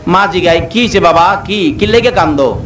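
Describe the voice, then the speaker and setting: High-pitched preacher man, echoey and distant. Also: moderate pace, a little hiss or hum. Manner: sing-song rising to shouts, acts out dialogue. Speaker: waz preacher. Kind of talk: Bengali waz sermon with storytelling. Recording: echoey amplified sound from far off.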